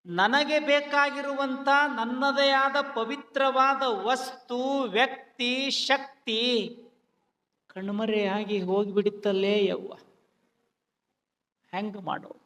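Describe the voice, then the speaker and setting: A man voicing a grieving young widow, high and slow. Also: steady tone, sharp tone, full character voice. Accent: North Karnataka Kannada. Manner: lamenting, pleading sing-song delivery. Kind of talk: folk drama recitation. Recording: long hall reverb.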